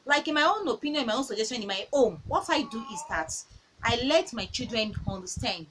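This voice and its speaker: A woman's voice: a little high, animated, fairly quick, background noise. A woman in her thirties giving earnest parenting advice in a casual talk. She repeats phrases and tells stories from her own home.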